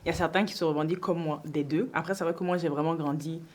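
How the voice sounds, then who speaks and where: Young woman host from Ivory Coast, lively, quick to laugh; casual interview chat. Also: low-pitched. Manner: lively, laughs often while talking.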